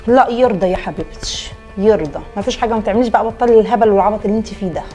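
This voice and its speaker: A woman's voice: mid-range voice, very fast, warm tone, faint music behind. A woman with an Egyptian accent acting a bossy, scheming adviser who scolds her friend. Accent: Egyptian Arabic.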